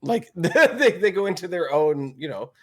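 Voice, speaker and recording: A man's voice: a little high, lively intonation, normal speed, a bit bright. A Canadian man co-hosting a podcast in casual chat, laughing often and stumbling through restarts. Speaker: podcast co-host.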